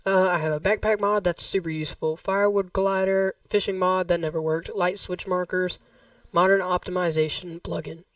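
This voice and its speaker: A man's voice: high voice, fairly even intonation, moderate pace, a bit bright, no room sound, recorded from a distance. A man hosting a casual gameplay tutorial, rambling and correcting himself as he talks to viewers, his voice a little worn. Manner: rambling, self-correcting, addresses viewers as guys. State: slightly losing his voice. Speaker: gaming tutorial host.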